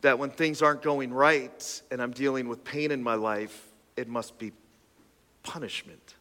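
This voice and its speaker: A man in his thirties preaching a casual sermon, joking and restarting, then building to loud emphatic passages. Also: mid-range voice, steady tone, unhurried. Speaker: pastor. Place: church auditorium. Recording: long hall reverb.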